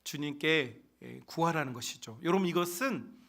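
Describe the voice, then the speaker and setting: An emphatic male pastor preaching a sermon in a church sanctuary, his voice set fairly high for a man. He speaks straight to the congregation again and again. He drops to near-hushed phrases and then rises to strong, loud ones. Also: lively intonation, moderate pace, creaky. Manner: emphatic, often addresses the congregation, sharp swings between soft and loud.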